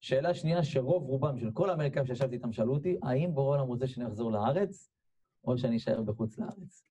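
A man giving a storytelling sermon, animated and repeating phrases, with his voice leaping high when he acts out people he quotes. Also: breathy edge, muffled recording. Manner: repeats phrases, addresses listeners directly. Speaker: religious speaker.

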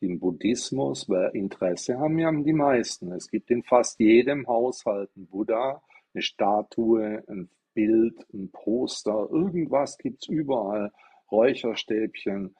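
Man from southwest Germany, live-stream monologue on an iPad mic, loose and rambling, husky and somewhat dark. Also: medium pitch, unhurried. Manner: rambling, explanatory, poses rhetorical questions. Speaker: livestreamer talking about Buddhism.

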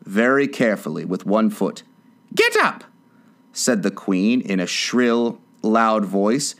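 A man reading a classic children's story aloud as narrator, in an expressive way. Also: medium pitch. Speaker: audiobook narrator.

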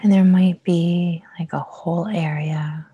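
A woman whispering a guided meditation, soft and soothing with long pauses. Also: fairly low pitch, steady tone, breathy edge, dry recording, muffled recording.

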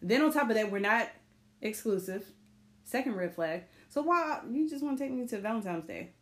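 A woman's voice: fairly high pitch, expressive, moderate pace. A woman co-hosting a podcast in casual chat, giving her opinion emphatically. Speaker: podcast co-host.

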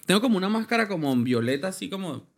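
A man in his thirties hosting a podcast in casual chat, campy and playful, quick to joke and laugh. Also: high voice, very animated. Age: 30s. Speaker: podcast host.

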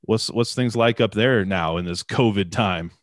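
A man's voice: lowish voice, moderate pace, dry recording. Male podcast host, radio announcer voice, upbeat, dry close sound. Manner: upbeat, polished introductions. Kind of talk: podcast interview.

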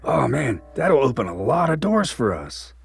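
A man voicing an excited young male band member. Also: medium pitch, moderate pace, creaky, soft background music, voice pushed up.

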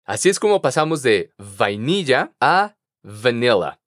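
A man teaching English pronunciation on a podcast, patient and encouraging, modeling words slowly for students to repeat. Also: fairly high pitch, big pitch swings, no room sound, studio quality. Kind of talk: podcast language lesson.

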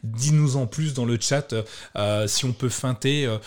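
A man's voice: mid-range voice, moderate pace, darkish tone. Hesitant French man hosting a podcast. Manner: hesitant, many fillers and restarts. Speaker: podcast host. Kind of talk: casual tech podcast chat.

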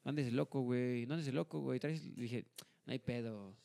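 A man's voice: mid-range voice, normal speed, creaky, mellow. A young man with a Mexican accent telling stories in a slangy, profane way as co-host of a casual podcast. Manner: slangy and profane, ends phrases with "güey". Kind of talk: casual chat, storytelling.

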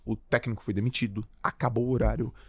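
A man from Brazil, a podcast guest, telling stories in a casual, slangy, animated way. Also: on the low side, fast talker, breathy edge, dry recording. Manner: slangy, animated, acts out quoted voices.

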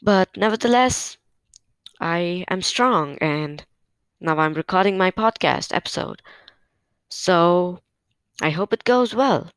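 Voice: mid-range voice, animated, takes it slowly, long pauses, a bit bright, clear, resonant tone, no room sound. A podcast host recording at home on a new microphone, talking casually and hesitantly with many fillers, a little nervous. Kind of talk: casual solo podcast update. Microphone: new podcast microphone on a stand.

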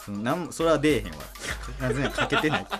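A man with a Kansai accent hosting a casual comedic radio chat, bantering and quick to laugh and retort. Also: medium pitch, lively intonation. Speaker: radio show host. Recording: music playing behind the voice.

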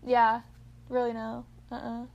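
A woman chats casually as a podcast co-host, rambling and giggling through a movie recap. Her voice sits a little high and has a gravelly, fried edge. Her talk is full of fillers and restarts. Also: monotone, a little slow, dull audio.

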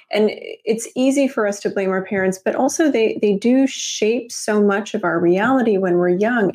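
A woman talking in a podcast conversation, explaining things in a measured way and laughing easily. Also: fairly low pitch, a little mellow.

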